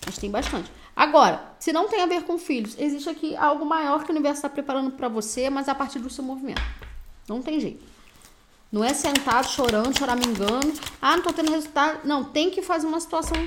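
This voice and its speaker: A woman's voice: high-pitched, fast, a little hiss or hum. A woman with a Brazilian Portuguese accent giving an intuitive tarot reading. She talks bluntly and directly, with slang, like a pep talk. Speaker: tarot reader.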